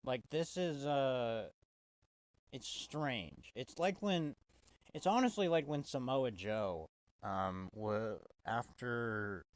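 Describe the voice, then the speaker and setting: A man's voice: medium pitch, expressive, slow pace, dry recording. A man giving a casual, swear-heavy wrestling review, exasperated and full of restarts. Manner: profane, exasperated, stumbling restarts.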